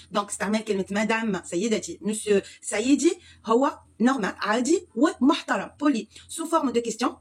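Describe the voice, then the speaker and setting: Brief: husky woman French teacher, Egyptian accent, raised pitch, slow patient explanations. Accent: Egyptian Arabic. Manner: explains slowly, repeating words and asking questions of the learners. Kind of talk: language lesson, switching between French and Egyptian Arabic.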